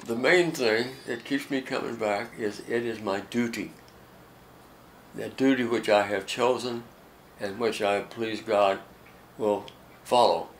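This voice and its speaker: A very old American man in his late eighties, talking reflectively in an interview, halting and repeating words as he goes. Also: lowish voice, fairly even intonation, a little hiss or hum. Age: late 80s. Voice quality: very old man's voice. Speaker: volunteer youth tennis coach.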